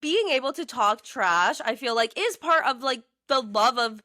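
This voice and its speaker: Bright, lively woman podcast host. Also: fairly high pitch, unhurried, no room sound, studio quality. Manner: enthusiastic, friendly, laughs often. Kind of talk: casual interview chat.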